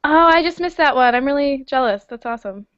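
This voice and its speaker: Young American woman, notably high voice, casual guest caller, slightly muffled call sound. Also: animated, fast talker, clean tone, no room sound. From Michigan, United States. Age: young adult. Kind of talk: casual chat. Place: video call. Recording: slightly dull video-call audio.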